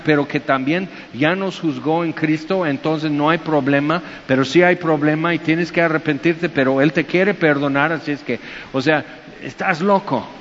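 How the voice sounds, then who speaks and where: A man preaching a conversational sermon, acting out voices in squeaky high tones. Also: a bit bright. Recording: dull echoey hall with faint hiss.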